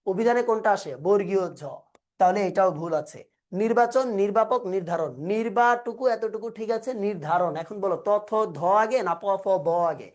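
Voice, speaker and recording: A woman's voice: mid-range voice, fairly quick, darkish tone. A woman teaching an exam-prep lesson, asking questions and answering them herself step by step. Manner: explains step by step, asks and answers own questions.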